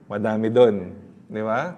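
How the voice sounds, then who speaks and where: A man's voice: lowish voice, measured pace, dark tone, long reverb tail, highs cut off. A man with a Filipino accent preaching a sermon, telling stories in a chatty way and asking his listeners questions. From Philippines. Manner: mixes English into Tagalog, chatty storytelling with laughs and audience questions. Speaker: pastor.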